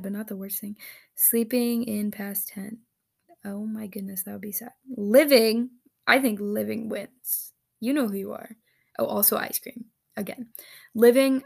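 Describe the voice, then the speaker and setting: A woman vlogging on her own, reading answers aloud and reacting with giggles and quick asides. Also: on the high side, gravelly. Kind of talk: casual solo chat.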